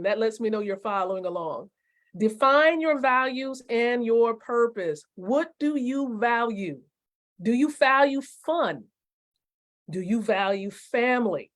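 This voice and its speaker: On a live stream, a woman in her forties teaches network marketing with emphasis, slowly repeating her key points and putting questions to viewers. Her voice is on the high side.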